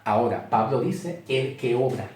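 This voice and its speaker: A man's voice: medium pitch, expressive, measured pace, a little mellow. A man teaching a Bible sermon, emphatic, repeating key words and asking rhetorical questions. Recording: echoey room with guitar music. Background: guitar music.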